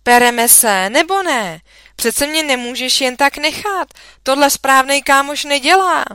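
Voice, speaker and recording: A woman reading puts on a scrappy storybook schoolboy, raised high and shrill with indignation. The voice is bright and loud, in a dry, close sound. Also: animated, no echo. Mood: indignant. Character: scrappy schoolboy itching for a fight.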